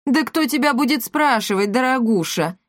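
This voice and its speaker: A woman's voice: medium pitch, lively intonation, moderate pace, no room sound, clean studio sound, natural voice. A woman voicing a cheerful, boastful and clueless father who is pleased with himself. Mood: blustering.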